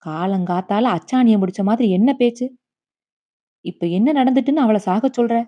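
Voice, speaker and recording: A grieving old grandmother, as a woman storyteller puts her on, stubborn and tender, who scolds and then speaks with quiet bitterness. She comes through a slightly dull, muffled audiobook recording. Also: on the high side, moderate pace, close to an everyday voice. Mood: angry. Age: over 60.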